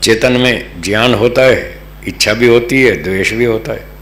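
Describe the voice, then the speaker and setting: A man from North India teaching a patient, slow scripture lesson to a live group, often checking that they follow. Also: mid-range voice, a bit bright. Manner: patient, checks understanding with the audience. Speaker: religious teacher. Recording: echoey room, faint hum.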